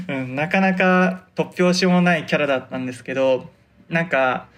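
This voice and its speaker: A soft-spoken man hosting a casual solo podcast, consciously projecting his voice and articulating each word with care. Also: on the high side, animated, normal speed. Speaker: podcast host.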